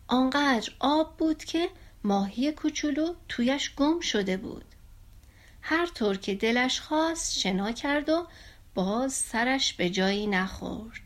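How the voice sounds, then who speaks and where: A woman reads a children's story aloud as a storyteller. Her narration is calm and steady, in a fairly high voice.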